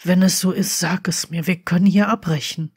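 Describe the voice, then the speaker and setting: Reader doing a husky whispered wizard guy, 40s, tender and coaxing, whispered role-play. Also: high-pitched, fairly even intonation, normal speed. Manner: soft, coaxing, reassuring.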